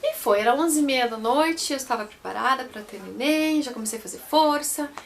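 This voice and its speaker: Higher-voiced Brazilian woman telling a personal story. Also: a little fast, slight background noise. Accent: Brazilian Portuguese. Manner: chatty, repeats and corrects herself, addresses viewers as gente. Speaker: vlogger.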